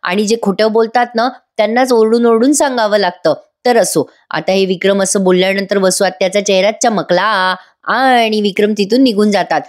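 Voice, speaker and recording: A woman's voice: mid-range voice, fairly even intonation, normal speed, hardly any pauses. A woman giving a casual voice-over recap of a TV serial episode, chatting to viewers with wry asides. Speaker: serial reviewer.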